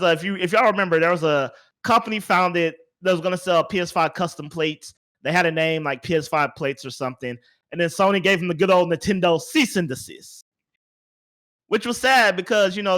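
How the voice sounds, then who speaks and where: This man, a podcast host, talks in an opinionated, easygoing way, hammering points with emphasis and repeated words; his voice is a little high, bright and forceful.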